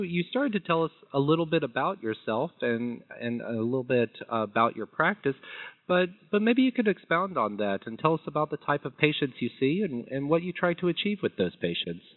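A man's voice: a little high, big pitch swings, brisk. A man hosts a phone-in talk and reads his introductions in a friendly, upbeat tone. His speech has a few small repeats, and it comes through a thin, tinny phone line. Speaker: host of a phone-in chat. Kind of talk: hosting a call, reading an introduction.

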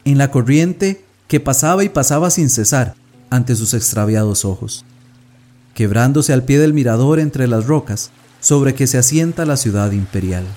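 Solemn male narrator with a dark voice. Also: mid-range voice, expressive. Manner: measured, solemn literary reading. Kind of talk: scripted audiobook narration.

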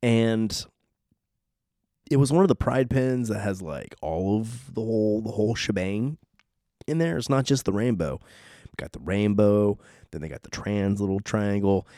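A man with a laid-back Southern Californian accent talks through a casual podcast monologue, wry and rambling, circling back over his own phrases. His voice sits on the low side. The sound is dry and close, with no room around it. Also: warm tone, dry recording. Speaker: podcast host.

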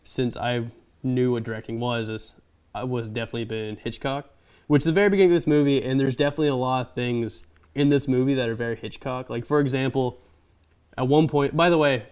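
Smooth-voiced man joking about movies. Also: mid-range voice, steady tone, quick pace, darkish tone. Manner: rambling, joking, acts out quotes. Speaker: podcast co-host. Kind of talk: casual movie chat.

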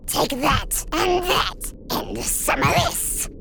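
A woman voicing a small, cocky cartoon germ with a cute, squeaky voice and gleeful menace. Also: wildly swooping pitch, takes it slowly, creaky, very noisy, full character voice. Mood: gleefully menacing. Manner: cocky, taunting. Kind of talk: educational cartoon character acting. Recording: loud music underneath.

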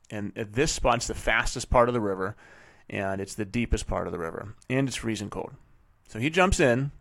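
A man with a low, gravelly voice recounts a story in a vivid, animated podcast monologue. He often restarts his sentences as he goes. The sound is dry and close, with no room echo. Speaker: podcast host and father.

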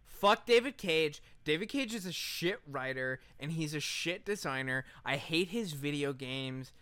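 A male podcast co-host gives opinionated reactions in casual chat, emphatic, casually profane and often repeating himself. His voice runs on the high side, bright and forceful with lively intonation and an unhurried pace, in a smooth, dry recording.

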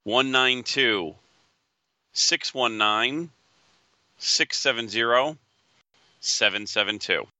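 A man calling out ticket numbers like a raffle caller, slowly and deliberately, in short groups of digits. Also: mid-range voice, sharp tone, no room sound. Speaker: podcast co-host.

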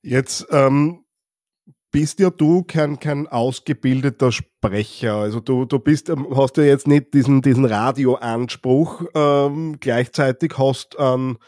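A man's voice: mid-range voice, takes it slowly, darkish tone, no room sound, clean studio sound. A man hosting an interview, asking long questions while searching for his words. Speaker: interview host.

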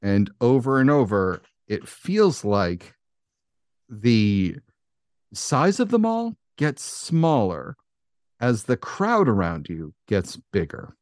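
A man narrating a tabletop game as game master, setting scenes in a dramatic, deliberate way. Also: medium pitch, very animated, darkish tone, no room sound, studio quality.

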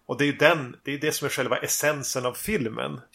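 A man with a gravelly, fry-laden voice talks over a film on a casual podcast. He is measured and thoughtful, pausing on fillers as he reasons aloud. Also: mid-range voice, steady tone, fairly bright tone. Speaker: podcast co-host.

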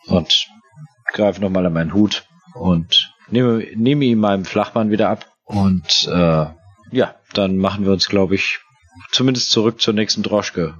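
A man playing a Victorian police detective inspector who talks haltingly, with many fillers and restarts. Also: sits low, fairly bright tone, husky, highs cut off, heavily acted.

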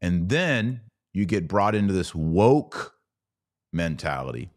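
A deep-voiced man hosts a podcast as a commentator, swinging widely in pitch as he chats with his audience. He's emphatic and instructive, using deliberate pauses to drive his points home.

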